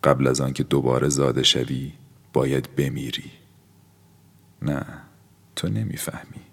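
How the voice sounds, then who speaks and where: A man voicing a timid, evasive young woman who speaks softly, almost in a whisper, in an audiobook. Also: a bass voice, completely flat delivery, gravelly, slightly rough, exaggerated voice. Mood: pleading. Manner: soft, hushed, near-whispered lines. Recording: long hall-like reverb.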